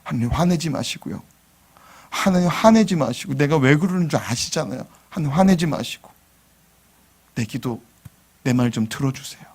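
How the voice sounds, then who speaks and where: A man acting out the elderly patriarch Abraham haggling and pleading with God, in a high excited voice. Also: moderate pace, pauses often, breathy edge. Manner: high, loud and excited, then soft pleading. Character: aged patriarch Abraham bargaining eagerly with God. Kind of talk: acted quote in a sermon.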